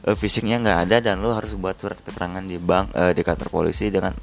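A man's voice: deep voice, quick pace, creaky, a little hiss or hum. A young man, telling a story to his viewers in a chatty, slangy way full of fillers. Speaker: vlogger.

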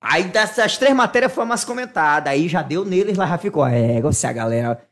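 A man, telling animated, self-mocking stories in casual chat and laughing often. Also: fairly high pitch, brisk. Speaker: podcast guest. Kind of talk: casual storytelling.

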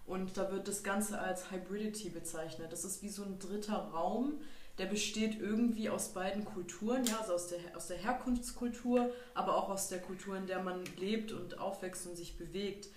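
A woman's voice: mid-range voice, normal speed, a little mellow, slight background noise. A young woman from Germany, a podcast guest, explaining her views thoughtfully in casual talk with fillers. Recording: echoey room, distant from mic.

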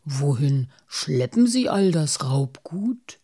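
A thoughtful, level-headed male gnome , played by a woman. He talks low and unhurried, often near a whisper, with a husky, gravelly grain. He sounds like a dry storybook companion weighing every word. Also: big pitch swings, heavily acted. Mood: measured. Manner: low, slow, quiet.

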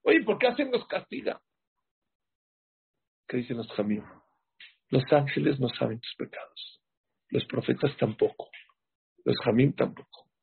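A man giving an animated sermon, full of rhetorical questions to his listeners. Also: medium pitch, unhurried, vocal fry, long pauses, breathy edge. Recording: muffled lo-fi sound.

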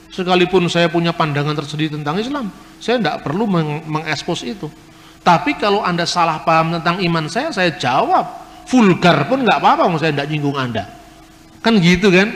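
Speaking at a question-and-answer session, a man lectures on the sounds of words, posing rhetorical questions and spelling out letters. His voice is a little high and fairly bright, recorded with long hall reverb.

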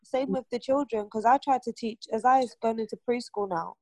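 A woman's voice: a little high, normal speed, warm tone, dry recording. Young woman, casual group chat, rambling and filler-heavy, close dry sound. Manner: chatty, many fillers and restarts. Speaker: aunt and mother of a toddler.

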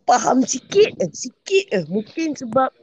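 A man's voice: very high-pitched, very animated, measured pace, a little mellow, slight background noise. A young man with a Malaysian accent chatting casually and bluntly, mixing in English and repeating his phrases. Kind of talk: casual chat with English mixed in.

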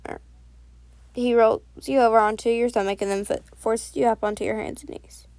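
Woman narrator, soft and unhurried, vocal fry, fairly high voice, dry close recording. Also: fairly even intonation, no echo. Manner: soft, unhurried reading with self-corrections. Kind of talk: second-person audio story reading.

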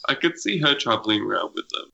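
Bright-toned man, rambling. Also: lowish voice, big pitch swings, fast, creaky, muffled recording. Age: 30s. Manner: rambling, hesitant with many fillers. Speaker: podcast panelist. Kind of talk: casual chat.

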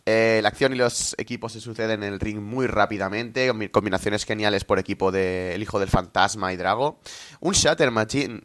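A man's voice: fairly low pitch, a little fast, fairly bright tone. A man recapping wrestling matches as a commentator, in an informal, conversational way that often gropes for words.

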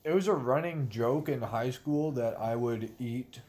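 A man's voice: mid-range voice, a little slow, a little mellow, a little hiss or hum. A young man co-hosting a podcast, chatting casually with friends and joking in mock-formal wording. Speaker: podcast co-host.

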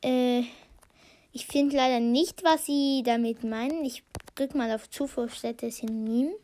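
A woman's voice: a little high, steady tone, measured pace, a little mellow. A woman hosting a casual podcast, reading short passages from a book and commenting on them, thinking aloud with many fillers and restarts. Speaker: podcast host.

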